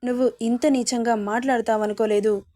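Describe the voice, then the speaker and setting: Hurt young wife pleading woman reading her, kinda high, soft tone. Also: steady tone, moderate pace, lightly acted. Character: young wife, heartbroken and regretful.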